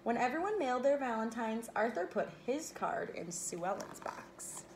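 Woman, children's book read-aloud, expressive, playful asides, fairly high voice, faint background ambience. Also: moderate pace, vocal fry, a little hiss or hum.

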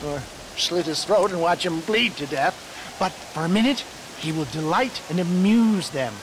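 An older travelling huckster in a Western game. His voice sits high and he talks in flowery, theatrical patter, pompous and sly. Steady background noise runs behind him. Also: normal speed. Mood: scheming, wry. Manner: florid, pompous, showman-like patter. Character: grandiloquent, crafty older travelling snake-oil salesman.

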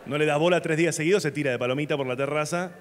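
A man's voice: a little high, very fast. A young man with an Argentine accent, performing a stand-up comedy set with loose, slangy storytelling. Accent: Argentine Spanish. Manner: loose, slangy storytelling with sudden shouted bits. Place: theater stage at a comedy festival. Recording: live theater with long reverb and faint ambience. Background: audience laughter.

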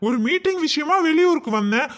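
Man playing a worried young husband, anxious questions, cartoon, very high, bright. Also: lively intonation, fairly quick. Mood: explaining. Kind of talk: cartoon voice acting.

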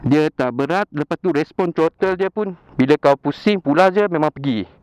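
A young man with a Malaysian Malay accent talks enthusiastically about motorbikes in a casual vlog, laughing often. His voice is fairly high, clear, resonant and a little mellow, at a normal speed with no echo. He's a motovlogger filming outdoors on a leafy park road beside motorbikes, with wind and engine noise in the recording.

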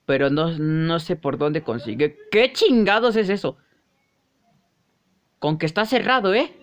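A man's voice: fairly high pitch, a little slow. A man doing a playful voice-over for a game parody, making his own sound effects. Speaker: YouTuber.

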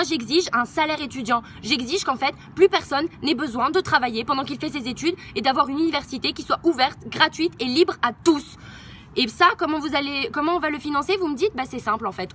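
Young woman on an angry rant, talks fast, indignant and sarcastic, bit of noise behind her. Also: sits high, sharp tone. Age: young adult. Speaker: student activist. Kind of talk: outraged political rant to camera. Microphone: phone at arm's length.

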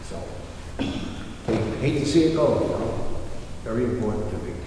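A man's voice: mid-range voice, expressive, moderate pace, warm tone, slight background noise. Indignant man, distant in echoey hall. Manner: plain-spoken, indignant. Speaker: resident speaking at public comment. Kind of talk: public comment. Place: town meeting room.

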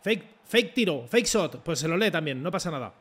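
A young man from Spain, commentating his own football game run with excited swearing and rants. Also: a little high, moderate pace, husky. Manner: excitable, swears a lot, talks to the referee and coach. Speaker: gaming streamer. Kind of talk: live gameplay commentary.

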